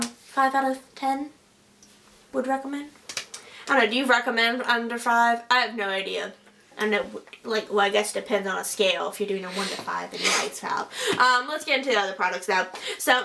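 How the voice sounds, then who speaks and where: A woman's voice: fairly high pitch, creaky, sharp tone. A young woman chatting casually as she reviews makeup on her own channel, rambling and joking, calling each product he or him. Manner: chatty, rambling, jokey asides. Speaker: beauty vlogger.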